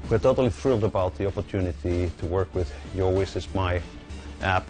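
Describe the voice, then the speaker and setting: A man's voice: deep voice, fairly quick, darkish tone, faint music behind. A man representing a program, speaking plainly and hesitantly with fillers.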